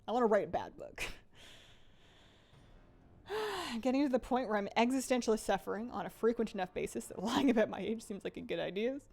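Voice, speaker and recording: A woman in her late twenties talks through her live game stream in a loose, self-deprecating way, reading out chat messages as they arrive. Her voice sits a little high and swoops up and down a lot as she rambles. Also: a little mellow. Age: 20s. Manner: chatty, self-deprecating, reads chat aloud.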